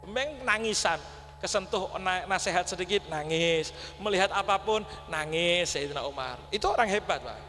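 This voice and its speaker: High-voiced preacher in an echoing mosque. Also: male voice, lively intonation, normal speed, pushed and bright. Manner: folksy, addresses audience as Pak, mixes Javanese words. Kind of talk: sermon. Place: large mosque. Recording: long hall reverb, faint hum.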